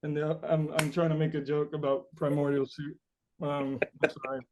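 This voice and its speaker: Against a noisy background, a man with a slightly high voice and little pitch movement speaks at normal speed. In this musician interview he reflects philosophically, rambling and circling back over his own words.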